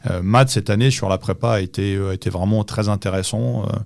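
A man who is an assistant basketball coach, giving measured, explanatory answers in a podcast interview with touches of dry humor. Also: lowish voice, steady tone, vocal fry, a little mellow.

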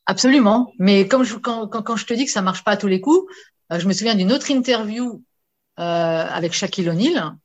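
Woman journalist, chatty anecdote teller, mid-pitched, repeats herself, lively delivery. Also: brisk, lo-fi sound. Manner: lively storyteller with many fillers and repetitions. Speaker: sports journalist. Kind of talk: anecdote in casual conversation.

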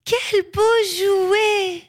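A woman voicing a little giant girl with a high, childlike voice. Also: flat delivery, very slow, heavily acted. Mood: excited.

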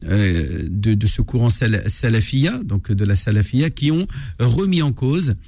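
A man's voice: on the low side, animated, measured pace, creaky, dark tone, no room sound, clean studio sound. A man, an imam explaining religion in a live radio discussion, hesitant and searching for words. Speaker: imam, regular radio guest.

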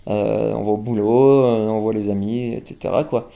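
At a moderate pace, the young French guest, a singer-songwriter, speaks informally in a low, warm, fry-roughened voice. Frequent hesitations, fillers and restarts mark his speech, and his tone never leaves a relaxed, mellow register.

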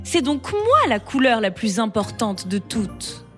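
A woman voicing a fussy, self-important orange colour in a storybook, a bit higher than her own voice. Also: big pitch swings, unhurried, soft background music. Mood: prim.

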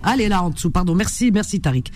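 A woman hosting a radio call-in show, animated and teasing, laughing often with callers. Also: fairly low pitch, rapid-fire. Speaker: radio host. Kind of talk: lively radio call-in chat.

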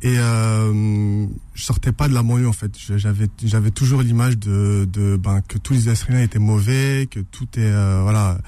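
Hesitant, low-voiced man from France. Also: steady tone, moderate pace, few pauses, dark tone. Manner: hesitant, many fillers and restarts. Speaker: author guest. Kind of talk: radio interview.

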